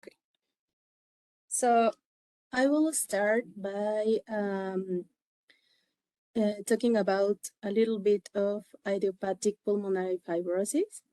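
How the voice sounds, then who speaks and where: A woman with a Mexican accent, a native Spanish speaker, presents academic material at a slow pace. She is halting, often pausing partway through a sentence. The sound is dry, with very little room around her voice. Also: mid-range voice, steady tone, warm tone, no echo. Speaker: conference presenter, medical researcher.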